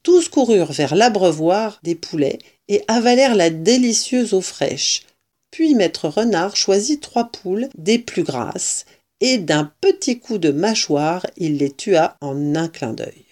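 A woman reading a children's storybook aloud as narrator, slowly and expressively. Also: fairly low pitch, animated, darkish tone.

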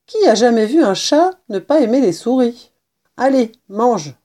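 A woman's voice: sits high, animated, moderate pace, warm tone, voice pushed up. A woman voicing a stern mother cat who scolds her kitten in a curt, raised voice. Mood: scolding.

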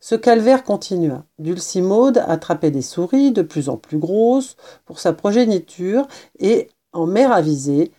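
Mellow-voiced woman reading a storybook. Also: lowish voice. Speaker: narrator. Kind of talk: audiobook narration.

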